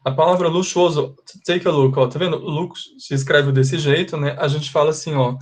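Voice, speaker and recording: Guy teaching english on a video call, slightly high voice, patient, walks through pronunciation bit by bit. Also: steady tone, normal speed. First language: Portuguese. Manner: patient, explains pronunciation step by step. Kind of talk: online class, correcting students.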